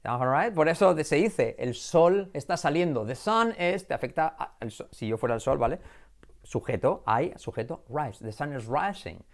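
A man's voice: on the high side, expressive, moderate pace. A man with a Spain Spanish accent teaching English pronunciation online, repeating English words over and over to drill them.

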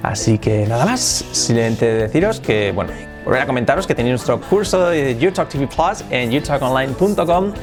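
A man teaching an English lesson, repeating example sentences slowly, chatty and encouraging. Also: mid-range voice, animated, over music. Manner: chatty and encouraging, with light laughs. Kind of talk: online language lesson.

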